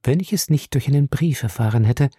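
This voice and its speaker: Man doing earnest young woman, measured, audiobook. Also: mid-range voice, mellow, breathy edge, dry recording, voice pushed up, close to an everyday voice. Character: young lady, earnest and composed. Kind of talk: audiobook reading.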